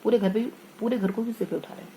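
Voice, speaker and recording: A woman's voice: mid-range voice, fairly even intonation, fast talker, mellow, slight background noise, lightly acted. A woman doing a stern scolding father. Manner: reproachful.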